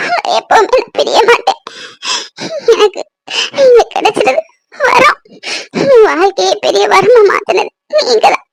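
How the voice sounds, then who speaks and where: A woman voicing a tearful, devoted young wife in a cartoon, pleading and sobbing in a high voice. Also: lively intonation, measured pace, vocal fry, dry recording, exaggerated voice.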